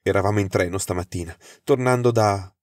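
A man's voice: low-pitched, brisk, a little mellow, no echo, studio quality, natural voice. A man voicing a flustered, anxious young government official who explains his trouble earnestly.

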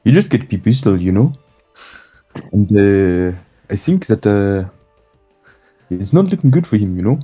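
A man's voice: fairly low pitch, lively intonation, measured pace, long pauses, mellow, breathy edge, faint music behind, voice pushed down. A man putting on an exaggerated mocking accent, drawling and teasing with lots of fillers.

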